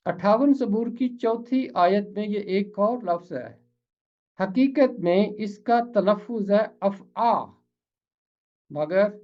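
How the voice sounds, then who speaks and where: A man with an Urdu accent from Pakistan, teaching pronunciation in a slow, explanatory lesson and repeating words carefully to model them. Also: sits high, dull audio.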